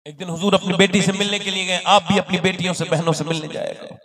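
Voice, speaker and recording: A man preaching an Islamic sermon, telling a story with passion and rising to loud shouts as he questions the crowd. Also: sits high, fairly even intonation, fast. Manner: addresses the crowd directly with questions.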